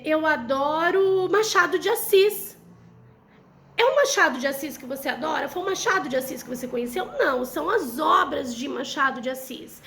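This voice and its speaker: A woman's voice: high voice, pushed and bright. A young adult woman with a Brazilian Portuguese accent, teaching a recorded literature lesson to ninth graders and often checking in with them through "né?". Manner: chatty, addresses students directly with frequent "né?".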